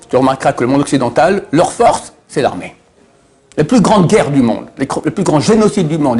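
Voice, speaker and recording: A man, a rabbi, teaching a Torah lesson, animated and quizzing his listeners, dropping to low murmurs and rising to high exclamations.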